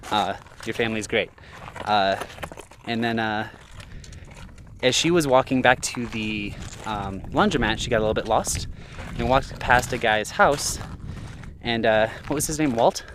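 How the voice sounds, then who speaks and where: A man's voice: mid-range voice, a little slow, background noise. A man talking casually to the camera while hiking a trail at dusk, rambling with lots of fillers and frequent chuckles. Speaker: thru-hiker vlogger.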